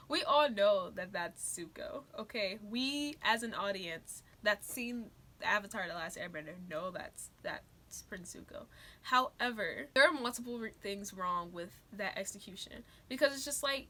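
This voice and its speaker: A woman's voice: mid-range voice, bright, forceful tone. A young woman hosting a reaction video, critiquing a film with exasperated, laughing commentary.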